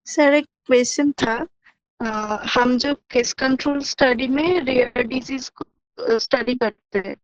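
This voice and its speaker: High-voiced woman on a breaking-up call. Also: fairly even intonation, no room sound. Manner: hesitant, with many pauses. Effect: breaking-up online call audio. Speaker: student asking a question. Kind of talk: asking a question in an online class. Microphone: online class call. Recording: dull breaking-up call audio.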